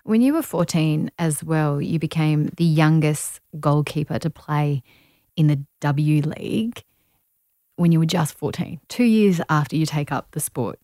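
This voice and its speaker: A woman's voice: low-pitched, a little slow, mellow, no echo, studio quality. A woman host asking engaged follow-up questions in an interview. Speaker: podcast host.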